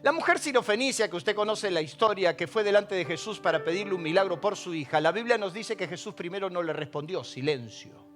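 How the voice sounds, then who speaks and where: A middle-aged man with an Argentine accent, preaching a sermon in a church service, swinging between hushed lows and shouted peaks. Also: expressive, a little fast, hardly any pauses, soft background music. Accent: Argentine Spanish. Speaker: pastor.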